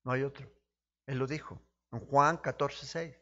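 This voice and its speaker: A man preaching a sermon as pastor, impassioned, with rhetorical questions to his listeners, surging to emphatic peaks and dropping low. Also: fairly even intonation, measured pace, sharp tone, dull audio.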